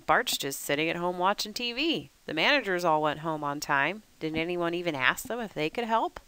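A woman reading a scripted training narration over slides in a measured, instructive way. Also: lowish voice, lively intonation, pushed and bright, smooth, no room sound. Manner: measured, instructive, reads steadily. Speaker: weather service trainer.

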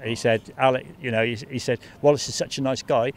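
Standing next to a team truck in a race paddock, an older man chats with a driver in a friendly, casual motorsport interview, dropping in ums. He speaks fairly quickly with medium pitch and fairly even intonation into a handheld mic with a fluffy windshield, with faint outdoor noise behind.

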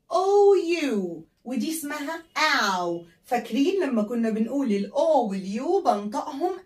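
A high-pitched woman with an Egyptian Arabic accent leads a children's vocabulary lesson, spelling each word and repeating it so pupils can echo her. Her voice sits a little off the mic, and the room around her is echoey. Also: far from the mic. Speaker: English teacher.

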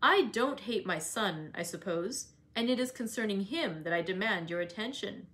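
A woman's voice: medium pitch, lively intonation, moderate pace, a bit bright, natural voice. A woman reading as a scornful brooding villain. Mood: menacing. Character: menacing middle-aged male villain, scornful.

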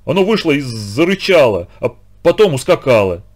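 A man's voice: medium pitch, big pitch swings, normal speed, darkish tone. A man voicing a frightened young boy who stammers and sounds panicky. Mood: scared.

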